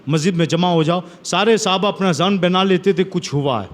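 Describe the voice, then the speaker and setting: A man preaching a sermon, retelling old stories with dramatic, repetitive emphasis. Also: high voice. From India. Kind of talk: sermon storytelling.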